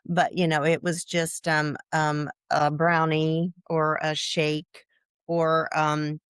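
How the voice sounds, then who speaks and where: A woman in her sixties, interviewed as a client, talking in a halting way with many fillers and restarts. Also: low voice, little pitch movement, smooth, dry recording, clean studio sound. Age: 60s. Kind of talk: casual interview.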